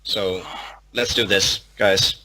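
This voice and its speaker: A man's voice: deep voice, fairly even intonation, slow pace, crowd noise, poor audio. A man playing a tabletop game, making blunt jokes and banter. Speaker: player.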